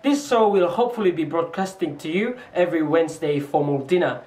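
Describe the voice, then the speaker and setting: A teenage boy with a New Zealand accent hosts an amateur school show in stiff, formal interviewer phrases. His voice sits notably high. He sounds set back from the mic in an echoey room. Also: lively intonation, fairly quick, a little mellow, distant mic. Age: teens. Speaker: student host of a school boarding-house show.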